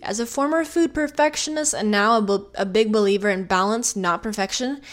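A woman hosting a podcast, reading her sponsor message and listener review, then welcoming and questioning a guest in an upbeat, friendly way. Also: mid-range voice. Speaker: podcast host. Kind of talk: podcast host reading ads and interviewing.

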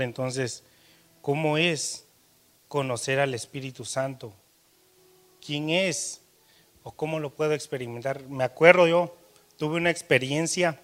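Male preacher, slightly high voice, sermon, personal storytelling, swings loud to soft.

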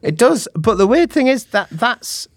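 Man, Manchester accent, podcast co-host, lively pitch, dry recording. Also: normal speed, no room sound. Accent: Mancunian. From England. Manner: chatty, self-deprecating explainer. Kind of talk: casual chat.

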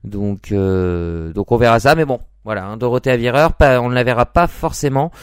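A man's voice: mid-range voice, moderate pace, no echo, clean studio sound. A man hosting a casual sports podcast, chatty and joking, peppering his talk with fillers. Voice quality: smooth, lots of "hein" fillers. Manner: chatty, laughs easily, joking. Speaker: podcast host.

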